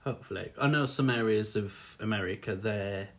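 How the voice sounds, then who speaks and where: A man co-hosting a podcast in casual chat, animated and quick to laugh. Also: on the low side. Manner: animated, laughs a lot, mimics voices in quotes. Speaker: podcast co-host.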